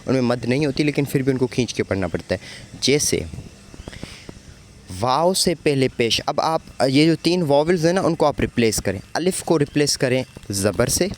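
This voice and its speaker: A man's voice: medium pitch, animated, a little hiss or hum. Man teaching Arabic grammar, questioning style. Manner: asks rhetorical questions and answers them, repeats terms. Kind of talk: explanatory lecture.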